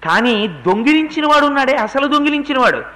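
A man voicing a stern old male sage who pronounces a curse and a boon in a solemn, measured way, within a spoken discourse. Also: very high-pitched, very animated, bright, forceful tone, voice pushed up, exaggerated voice.

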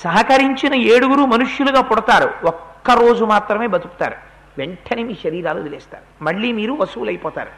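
A man's voice: high-pitched, lively intonation, a little fast, a bit bright. A man voicing a stern old sage. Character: stern old male sage pronouncing a curse.

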